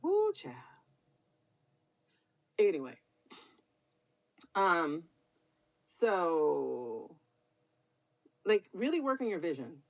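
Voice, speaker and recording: A woman's voice: lowish voice, wildly swooping pitch, very slow, pauses often. An American woman giving a weekly tarot reading in a casual, blunt, encouraging way, with some mild swearing. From United States. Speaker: tarot reader. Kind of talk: casual spiritual guidance chat. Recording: dull lo-fi recording.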